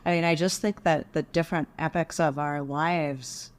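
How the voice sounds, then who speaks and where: Middle-aged woman from Texas, low-pitched, reflective interview guest. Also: steady tone. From Texas, USA. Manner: thoughtful, measured. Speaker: podcast guest, architect.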